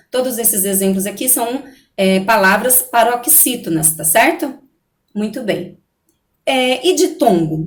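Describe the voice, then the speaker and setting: A woman teacher giving a recorded online lesson to young students, patient and explaining step by step, checking in often with the class. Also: a little high. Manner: patient, repeats "né?" and "tá certo?" often. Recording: echoey room.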